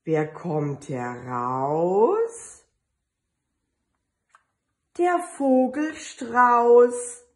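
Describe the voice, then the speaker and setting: Reading a picture book aloud to children, a woman kindergarten teacher tells the story slowly with sing-song refrains. Her voice is medium-pitched.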